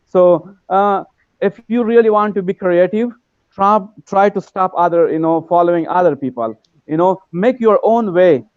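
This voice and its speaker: A man from Afghanistan talks earnestly and politely in an online class, pausing often on fillers. His voice sits fairly high and comes through smooth and clear. The call audio is dry and a little dull. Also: darkish tone, no echo. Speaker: university lecturer, class participant. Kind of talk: casual online conversation. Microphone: video call.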